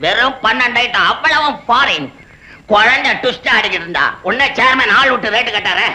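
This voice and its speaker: A man's voice: extremely high pitch, animated, a little fast, sharp tone, exaggerated voice. An actor playing a boastful middle-aged father who brags and rambles. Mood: bragging. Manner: bragging, rambling. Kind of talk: 1970s film comedy acting.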